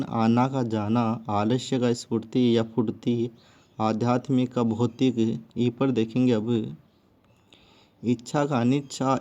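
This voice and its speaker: A man's voice: mid-range voice, mellow. A man teaching a grammar lesson, steadily listing word pairs one after another. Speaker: Hindi teacher. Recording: dull lo-fi recording.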